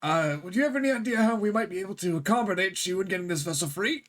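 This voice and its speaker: A man's voice: high voice, lively intonation, fast. A man playing a tabletop game, speaking in character in a wordy, politely wry way. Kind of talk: casual in-character game chat.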